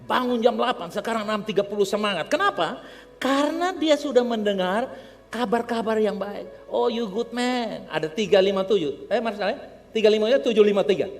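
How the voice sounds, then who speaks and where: Older Kupang-accented male pastor, high-pitched, sermon full of jokes and acted quotes, recorded in a reverberant church hall. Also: animated, fairly quick. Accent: Kupang Indonesian.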